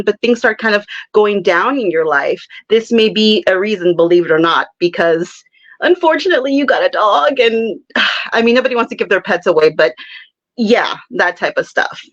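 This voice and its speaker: A woman's voice: mid-range voice, a bit bright. Woman guest, easygoing talker, laughs often, muffled lo-fi recording. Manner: chatty, laughs often, explains with examples. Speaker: psychic guest. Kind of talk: casual interview chat.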